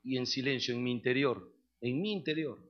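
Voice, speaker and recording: A man's voice: mid-range voice, brisk. A man preaching a sermon, telling a personal testimony and then leading the congregation in a repeat-after-me prayer, calling listeners brother. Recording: dull lo-fi recording with faint music.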